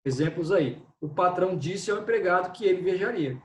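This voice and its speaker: A man's voice: sits high, expressive, brisk, a little hiss or hum. A man teaching an online Portuguese class who explains step by step and often checks in with his students. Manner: explanatory, repeats "né?" and "pessoal". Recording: echoey room, distant from mic.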